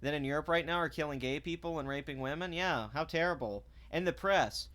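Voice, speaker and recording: A commentary vlogger with a fairly high, fairly bright male voice rants at a brisk clip. He's sarcastic and blunt, swears freely, and trips over restarts when he gets heated.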